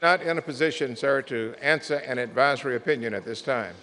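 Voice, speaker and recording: An American man presiding over a legislature, giving formal, measured procedural rulings. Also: medium pitch, pushed and bright. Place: large indoor legislative chamber. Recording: echoey large legislative chamber.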